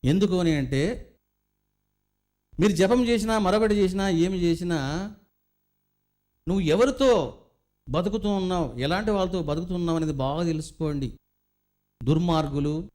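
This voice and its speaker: A man with a notably high voice delivers a devotional discourse as a spiritual teacher. He tells homely stories and keeps turning to his listeners with questions. He sounds middle-aged. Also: darkish tone. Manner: storytelling, rhetorical questions to listeners.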